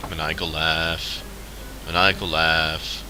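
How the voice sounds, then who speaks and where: A man chatting casually while gaming, joking in a deadpan way and swearing freely. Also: very deep voice, takes it slowly. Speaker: gamer. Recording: noisy home recording.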